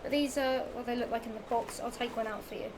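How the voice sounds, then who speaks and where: Her voice is fairly high and quick, with fairly even intonation and a Norfolk accent, and it's a bit strained from the heat. The young Englishwoman rambles through a casual vlog about her shoes, repeating herself, giggling, restarting and using plenty of fillers. The product show-and-tell was recorded at home with a lot of background noise.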